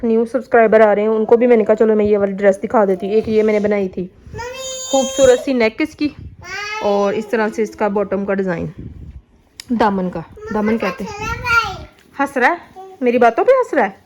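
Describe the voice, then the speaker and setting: A family vlogger from Pakistan chats casually to her viewers around her home kitchen and rooms, showing her cooking and sewing and talking with her children. Her medium-pitched voice moves at normal speed with frequent pauses over a noisy background.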